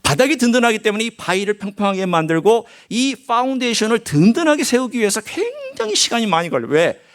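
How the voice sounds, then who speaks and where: Animated preaching pastor, man, highish voice. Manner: animated preaching with sharp swings from loud to hushed; acts out quoted speech and regional dialect phrases. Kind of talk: sermon. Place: church sanctuary.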